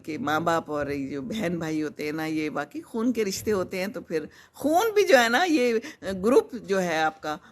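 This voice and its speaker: A woman's voice: lowish voice, big pitch swings, normal speed, few pauses. An older woman from Pakistan, hosting a live stream, chatting in a rambling, conversational way and reading out viewer comments. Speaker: host.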